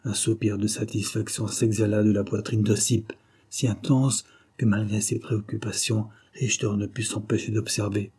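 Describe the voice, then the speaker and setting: A man narrating a novel in a steady, measured reading. His voice sits low, with a mellow darkness and a husky grain. The delivery stays even and unhurried. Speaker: audiobook narrator.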